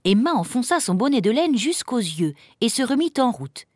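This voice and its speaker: A woman narrating a children's Christmas story aloud in an expressive, lively storybook reading. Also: on the high side, normal speed, no room sound. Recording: dry close recording.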